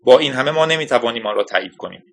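A man reading the lines of a male air force general with a firm, measured delivery. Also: mid-range voice, expressive, vocal fry. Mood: grave.

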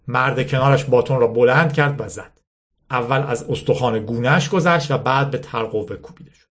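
A man reading a novel aloud as an audiobook narrator, with a steady, measured storytelling delivery. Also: mid-range voice.

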